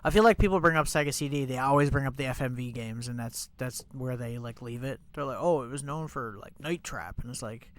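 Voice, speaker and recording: A man's voice: mid-range voice, a little fast, few pauses. A young man with a stuffy, congested voice chats casually and rambles with lots of fillers while live-streaming a game. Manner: chatty, rambling, many fillers like "like" and "you know".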